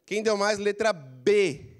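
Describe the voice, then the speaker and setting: Brazilian male coach, middle-aged, high-pitched and animated, handheld mic, lecture to a big hall. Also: slow. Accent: Brazilian Portuguese. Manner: animated, prompts audience to repeat phrases. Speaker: career coaching speaker. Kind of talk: lively motivational lecture. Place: large council auditorium. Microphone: handheld mic, walking the floor.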